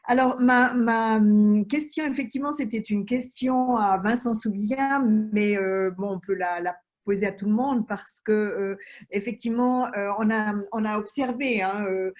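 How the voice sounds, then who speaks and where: A woman, president of an association, asking a question in an online meeting with many pauses and restarts. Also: mid-range voice. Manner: hesitant, many fillers and restarts. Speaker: association president, event participant.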